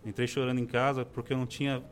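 A man in his forties speaks as an interview guest, telling a personal story in relaxed conversation. He talks expressively and slips into the voices of the people he quotes. His voice sits at an ordinary pitch, with faint music in the background. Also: racing. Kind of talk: casual chat, personal testimony.

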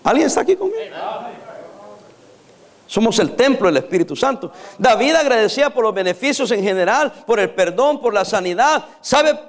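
A man's voice: high voice, expressive, brisk, few pauses. A man in his fifties preaching a sermon, teasing his congregation with jokes and dramatic stories. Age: 50s. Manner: joking, teasing storyteller.

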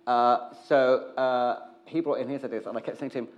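A man's voice: mid-range voice, moderate pace. Man telling candid anecdotes in an interview. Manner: animated retelling, acting out quoted conversations. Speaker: television commissioning executive.

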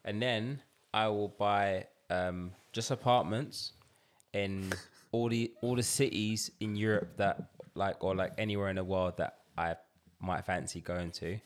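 A man's voice: lowish voice, fairly even intonation, a little slow. A man with a London roadman accent and street slang, bantering casually with friends.

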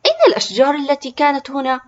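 A woman's voice: fairly high pitch, fast talker, highs cut off. A woman voicing an eager, stubborn five-year-old boy in a storybook. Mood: indignant. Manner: eager, excitable.

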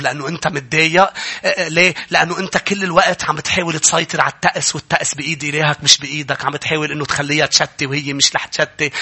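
A middle-aged male pastor with a Lebanese Arabic accent and a fairly high, breathy-edged voice preaches a sermon. It climbs into loud, emphatic passages where he calls out for amens.

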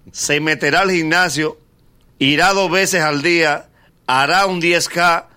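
A man telling comedic stories about couples, animated and often laughing at his own jokes. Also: fairly high pitch, slow, smooth. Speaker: comedian leading the segment. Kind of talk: comedic monologue with banter.

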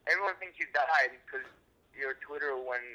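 A man's voice: fairly high pitch, normal speed, crowd noise, poor audio. A man calling in on a speakerphone, casual and teasing. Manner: teasing, joking. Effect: heard over a phone on speakerphone. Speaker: caller. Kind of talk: casual chat.

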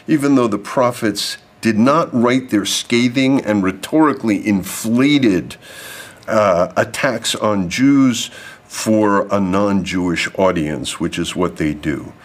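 Unhurried and mid-range in pitch, this man reads a formal prepared speech to an audience, occasionally stepping away from the script for asides.

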